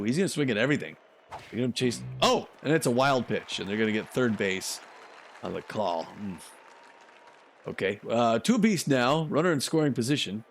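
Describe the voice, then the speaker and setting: A man's voice: medium pitch, slight background noise. A man calling a simulated baseball game play by play, chatty and cheering on his team. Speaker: commentator.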